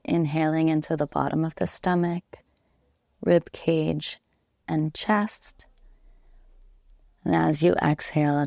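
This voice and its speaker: A yoga nidra instructor leads a relaxation meditation in a low-pitched voice with vocal fry, soothing and unhurried, leaving long pauses between gentle instructions. The recording is dry and clean, with studio sound.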